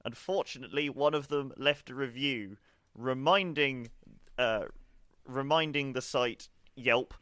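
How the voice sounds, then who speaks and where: A man's voice: medium pitch, unhurried, bright, forceful tone, clear, resonant tone, no room sound. A man playing a fussy station manager in a tabletop game, rambling and laughing mid-sentence. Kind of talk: in-character role-play as a station manager.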